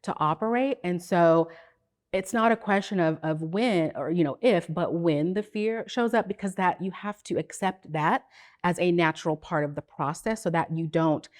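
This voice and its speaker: A woman psychotherapist on a podcast, explaining things in a measured, teacherly way. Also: lowish voice, a little mellow. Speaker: psychotherapist guest. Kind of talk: podcast interview.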